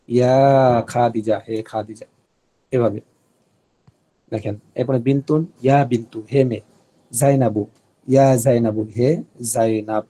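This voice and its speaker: Patient man teaching, mellow voice. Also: medium pitch. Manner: patient, repeats words for dictation. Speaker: Arabic teacher. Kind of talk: online class lesson.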